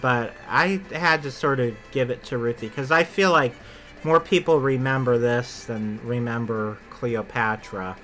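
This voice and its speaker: Male podcast co-host, bright voice, loose rambling chat, faint music bed. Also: mid-range voice, a little slow. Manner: chatty, rambling, self-correcting. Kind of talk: casual chat about theme park attractions.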